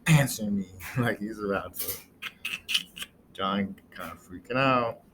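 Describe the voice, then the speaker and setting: A man's voice: on the low side, slow pace, background noise. A man reviewing and reacting to a comic episode in loose, slangy commentary with rambling asides.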